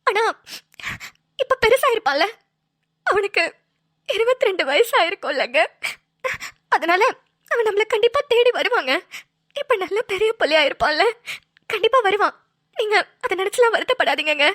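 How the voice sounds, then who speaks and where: A woman's voice: very high-pitched, very animated, moderate pace, long pauses, fairly bright tone, no echo, studio quality, exaggerated voice. A woman voicing a loving middle-aged mother in a cartoon, soothing and reassuring her husband through tears. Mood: consoling. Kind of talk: cartoon voice acting.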